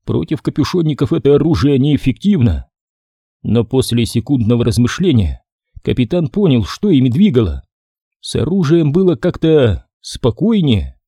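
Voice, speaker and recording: Mellow-voiced man narrating an audiobook. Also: mid-range voice, sing-song, moderate pace, slightly rough, no echo, studio quality. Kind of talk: scripted narration.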